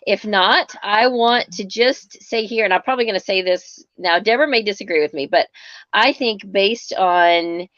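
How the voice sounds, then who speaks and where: A chatty, upbeat woman hosts a casual live-stream chat, her voice coming through a phone. The sound is muffled and dull, with no room around it at all. She is mid-pitched for a woman and often restarts her sentences. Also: moderate pace, fairly bright tone, no room sound. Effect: heard over a phone. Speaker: host. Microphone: phone mic. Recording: dull, dry phone audio.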